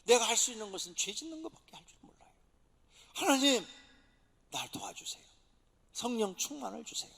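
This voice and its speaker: A male pastor preaching a sermon with passion, swinging from shouted exclamations to hushed whispers. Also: very high-pitched, huge pitch swings, fairly quick, vocal fry, pauses often, slightly rough. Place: church sanctuary. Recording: church hall reverb.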